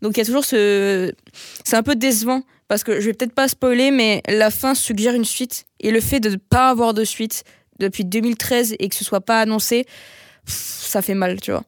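A woman's voice: fairly high pitch, fairly even intonation, normal speed, no echo, clean studio sound. A young woman chatting casually about a film, with fillers and self-mocking asides. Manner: chatty, filler-laden, laughs at herself. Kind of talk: casual film review chat.

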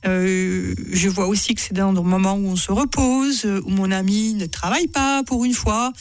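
A woman's voice: mid-range voice, steady tone, moderate pace, no room sound. A woman author reading excerpts from her own writing to an audience, chatty and self-mocking, often laughing at her own lines.

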